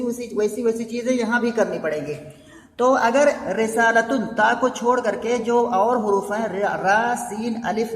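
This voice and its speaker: A man teaching a blackboard grammar lesson, patiently repeating each step and asking rhetorical questions as he goes. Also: very high-pitched. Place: classroom with a blackboard. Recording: echoey room with long reverb.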